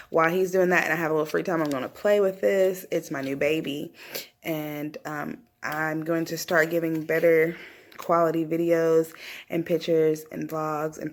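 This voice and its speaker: Creaky, low-pitched woman vlogger. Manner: rambling, thinking aloud. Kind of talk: casual unboxing chat. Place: small room at home, indoors. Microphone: phone at arm's length.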